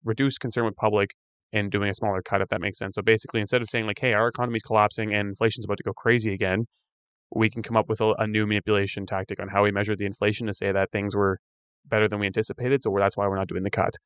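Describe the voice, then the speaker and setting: Fast-talking man, smooth and dry. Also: on the low side, no room sound. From Canada. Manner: fast, animated, thinking aloud. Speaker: podcast co-host. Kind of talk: casual chat.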